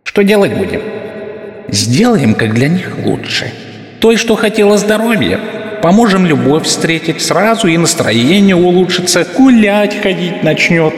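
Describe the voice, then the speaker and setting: A man voicing a wise, gentle snow angel in an audiobook, speaking softly and without hurry. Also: high voice, sing-song, measured pace. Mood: calm musing. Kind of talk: audiobook character reading. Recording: reverberant hall with faint music.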